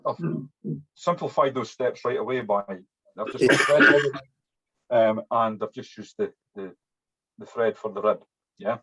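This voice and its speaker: A fly-tying instructor with a strong, broad Scottish accent gives a chatty, hands-on demonstration, often ending his sentences with "yeah." His husky, mid-range voice is bright and forceful, moving at a measured pace with long pauses. The audio is dull, muffled and lo-fi.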